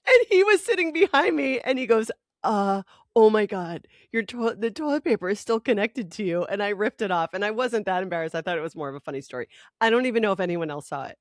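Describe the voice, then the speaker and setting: A woman in her forties tells a story in easy chat, lively and quick to laugh. Her voice sits in a middle range. The sound is dry and close. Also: medium pitch, dry recording. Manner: animated storyteller, laughing often. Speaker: podcast co-host. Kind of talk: casual chat.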